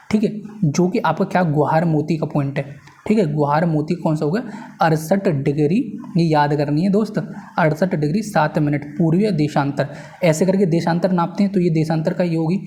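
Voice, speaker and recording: Working at a board, a male exam-prep teacher gives an informal lecture in a slightly high voice with a dark tone. He goes over key points repeatedly and keeps tagging on phrases to make sure listeners understand.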